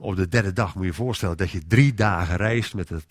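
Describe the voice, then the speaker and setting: A man's voice: low-pitched, fairly quick, no room sound, clean studio sound. A man giving an informal sermon in a conversational way, often restarting his sentences and acting out inner voices. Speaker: preacher.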